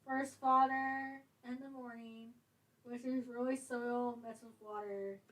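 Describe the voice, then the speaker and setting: Woman co-host, high voice, giggly and mischievous, casual chat. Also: little pitch movement, slow pace, a bit bright, poor audio. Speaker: co-host of a writing livestream.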